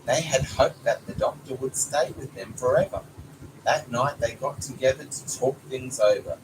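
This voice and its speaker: Like a father reading to his kid, a man with a mid-range voice reads a children's story at a moderate pace. Clear background noise fills this noisy home recording.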